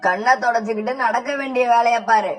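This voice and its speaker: A woman voicing a kind, wise female dove in a cartoon who gently reassures her friend. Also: on the high side, steady tone, a little fast, recorded from a distance, faint music behind, natural voice. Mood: consoling.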